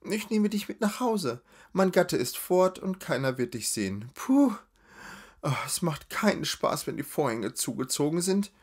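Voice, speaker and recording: A man voicing a giggly, vain, rich young woman in a storybook reading, in a high chattering drawl. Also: very animated, a little slow, slightly rough, full character voice.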